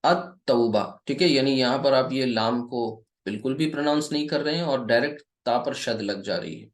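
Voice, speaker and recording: A man with a mid-range voice teaches an Arabic grammar lesson at a board in a room with a roomy sound. He is an Urdu or Hindi speaker who goes slowly and patiently, asking the viewer questions, answering them himself and checking "okay" again and again.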